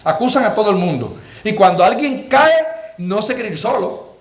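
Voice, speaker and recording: Pastor, high tenor voice, emphatic repetitive preaching with rhetorical questions. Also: male voice, expressive, moderate pace. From Puerto Rico. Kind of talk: sermon storytelling.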